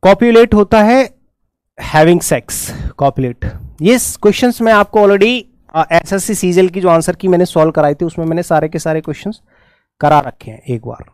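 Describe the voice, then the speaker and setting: Man, Hindi accent, exam-prep English lesson, brisk and coaxing, high voice, smooth tone. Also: darkish tone, no room sound. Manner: brisk, coaxing students to answer fast. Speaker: English teacher.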